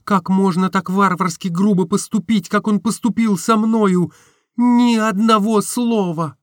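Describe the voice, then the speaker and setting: A man's voice: high-pitched, fairly even intonation, measured pace, dry recording, clean studio sound, voice pushed up. A man voicing a tearful, pleading young woman. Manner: breathless, imploring questions.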